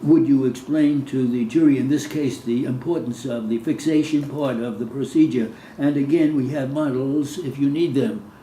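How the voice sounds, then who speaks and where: A man's voice: mid-range voice, warm tone. A man dictating courtroom testimony, reading out the questions, answers and speaker labels from a script. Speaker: reader dictating a court transcript. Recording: roomy echo, faint background noise.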